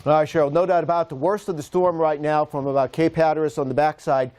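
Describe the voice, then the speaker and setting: A man with a somewhat high, mellow voice anchors weather coverage. He talks conversationally, live on air, in a dry studio-like sound. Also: fairly even intonation, fast talker, no room sound. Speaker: meteorologist anchor.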